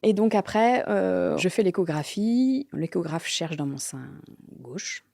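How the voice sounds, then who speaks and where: A woman, telling her own story candidly, halting with many fillers and sometimes dropping to a near-whisper. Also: lowish voice, expressive, gravelly, a little mellow, no room sound, studio quality. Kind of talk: personal testimony.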